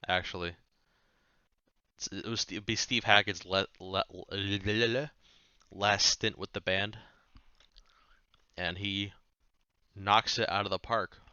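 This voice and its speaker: Low-voiced man, casual and offhand. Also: steady tone, measured pace, pauses often, bright, forceful tone, smooth, no room sound, highs cut off. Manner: rambling, offhand, swears casually. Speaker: music reviewer. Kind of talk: casual chat.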